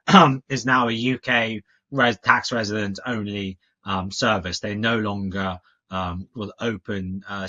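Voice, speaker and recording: Low, bright-voiced British man with a cold. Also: lo-fi sound. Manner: halting, informal. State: has a cold. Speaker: senior financial adviser, interview guest. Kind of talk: conversational expert explanation.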